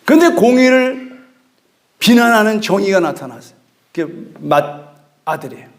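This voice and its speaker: A pastor delivers an early-morning sermon in a very high, gravelly voice. He tells the story with acted dialogue and keeps calling out to his congregation. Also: big pitch swings, a little slow. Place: church sanctuary.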